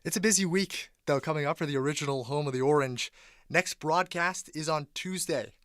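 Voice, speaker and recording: A man's voice: fairly high pitch, fairly quick, a bit bright, no echo, clean studio sound. A man presenting a sports radio broadcast, wrapping up and handing over to the next show. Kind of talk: broadcast wrap-up and handoff.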